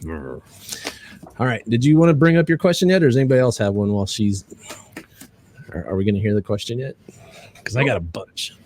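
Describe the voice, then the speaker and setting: A man hosting a casual podcast among game masters, relaxed and a little hesitant. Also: mid-range voice, fairly quick, long pauses, slight background noise. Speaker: podcast host.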